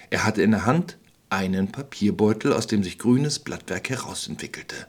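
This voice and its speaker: Male storybook narrator, husky, wry and playful delivery. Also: lowish voice, a little mellow.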